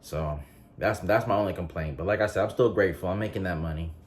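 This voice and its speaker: Deep-voiced man in his late twenties. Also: fast. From North Carolina. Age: 20s. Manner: relaxed rambling with frequent fillers and restarts. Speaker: vlogger. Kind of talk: casual vlog chat.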